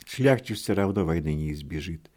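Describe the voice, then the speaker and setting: A man voicing an eager, cocky young male student who talks briskly in an audiobook. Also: low-pitched, lively intonation, a little mellow.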